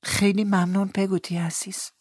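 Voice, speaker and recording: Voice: mid-range voice, flat delivery, a little mellow, no echo, voice pushed up, natural voice. A man voicing a frightened young boy who pleads anxiously in an audiobook, with a dry, close sound. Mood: tender.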